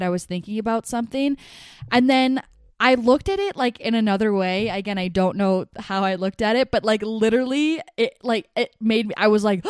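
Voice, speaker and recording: A young woman hosting her own podcast, talking excitedly and rambling with lots of "like" fillers. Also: a little high, clear, resonant tone, no room sound, studio quality. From New York. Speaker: podcast host. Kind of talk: casual solo podcast talk.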